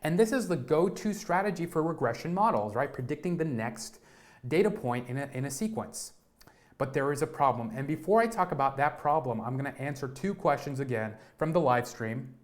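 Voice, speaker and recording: Energetic young man explaining math. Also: a little high, brisk. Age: 20s. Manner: energetic, repeats words and asks "right?" and "okay?". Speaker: live-stream educator. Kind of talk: live-streamed tech lesson.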